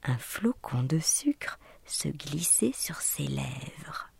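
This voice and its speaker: Slow, husky woman reading a children's story. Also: low voice, sing-song, no room sound. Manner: soft, often whispered, playful rhythmic delivery.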